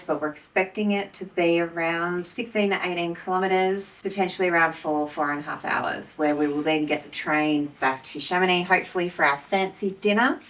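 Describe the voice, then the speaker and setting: A woman's voice: on the low side, fairly bright tone, poor audio. A woman chatting upbeat on a mountain hiking trail, talking into a handheld camera. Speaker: travel vlogger. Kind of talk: casual vlog chat. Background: background music.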